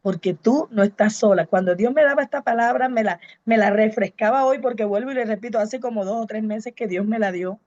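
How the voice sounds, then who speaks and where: A woman's voice: fairly high pitch, a little fast, few pauses, darkish tone, no room sound, dull audio. Fervent woman pastor preaching. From Colombia. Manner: fervent, repeats key phrases, calls out to listeners. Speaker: pastor and evangelist. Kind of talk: preaching testimony to a congregation.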